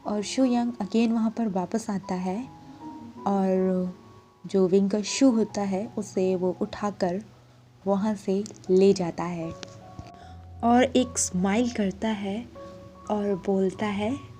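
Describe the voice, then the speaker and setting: A woman's voice: medium pitch, fairly even intonation, slow, warm tone, faint music behind. A woman chattily retelling a fan fiction story, laughing along as she narrates.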